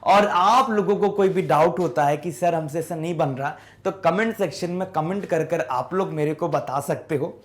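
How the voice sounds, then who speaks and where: High-voiced male teacher. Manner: drills students with questions he answers himself; sounds out words slowly, syllable by syllable. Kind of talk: explaining English spelling in a class lesson.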